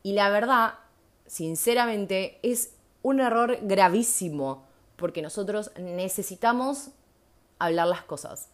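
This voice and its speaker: A woman with a Rioplatense Spanish accent hosting a solo podcast, speaking earnestly and conversationally and putting rhetorical questions to her listeners. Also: lowish voice. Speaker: podcast host. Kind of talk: reflective solo podcast talk.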